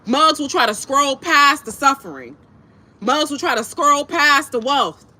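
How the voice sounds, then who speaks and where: A woman's voice: sits high, animated, measured pace, sharp tone. A woman chatting casually to her livestream viewers while eating, speaking bluntly in emphatic, repetitive, profane slang. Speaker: livestream host talking to viewers. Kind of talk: casual, impassioned monologue to viewers. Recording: clear background noise.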